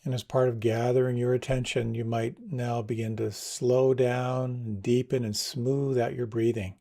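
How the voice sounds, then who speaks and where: Gravelly, mellow-voiced male meditation guide. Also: medium pitch, flat delivery. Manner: slow, soft, soothing instructions.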